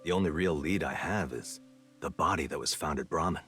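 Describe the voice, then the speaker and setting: An actor playing a serious special agent in a game, speaking in an earnest, grave manner. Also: male voice, extremely low pitch, a little fast, a bit bright, slightly rough, full character voice. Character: serious male special agent recounting his investigation. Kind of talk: scripted game acting. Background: music.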